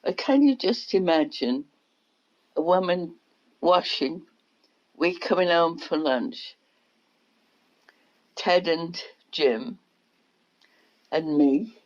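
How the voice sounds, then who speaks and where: An older woman, reminiscing in an oral history interview as an unhurried storyteller. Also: low voice. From England. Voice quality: unhurried storyteller, acts out quotes. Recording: dull lo-fi recording.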